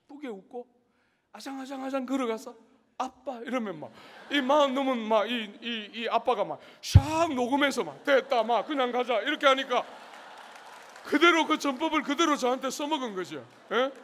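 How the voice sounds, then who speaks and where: A man's voice: extremely high pitch, normal speed, fairly bright tone, a little hiss or hum. A middle-aged male pastor preaching a sermon at a student conference, telling a story with humor and acting out the scene. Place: large university hall. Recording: long hall reverb.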